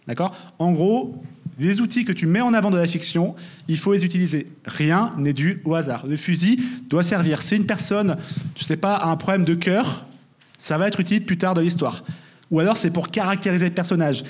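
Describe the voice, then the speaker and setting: A young man giving a lively conference talk, often checking in with "d'accord?". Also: high voice. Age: young adult. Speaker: conference speaker.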